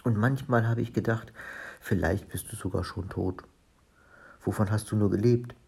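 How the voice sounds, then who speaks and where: A man voicing a clumsy, soft-hearted robber in a storybook reading, speaking in an earnest, anxious way. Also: lowish voice, steady tone, moderate pace, creaky, breathy edge, heavily acted.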